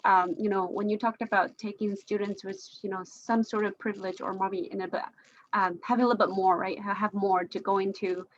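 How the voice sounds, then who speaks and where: Moderating a relaxed video-call panel, this woman, whose first language is Chinese, speaks English with frequent restarts, fillers and laughter. Her mid-range voice is a bit bright. The recording loses its upper frequencies.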